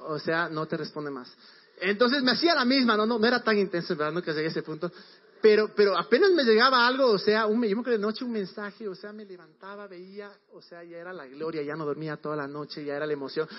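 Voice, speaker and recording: Young male preacher, high voice, casual storytelling sermon, muffled lo-fi recording. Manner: casual, storytelling, lively with slang asides. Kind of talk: sermon with personal testimony. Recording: dull lo-fi sound.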